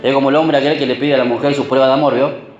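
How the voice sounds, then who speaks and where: A man's voice: medium pitch, steady tone, very fast, echoey room, highs cut off, faint music behind. A man preaching a sermon. He keeps checking in with the congregation through short tag questions and repeats words for emphasis.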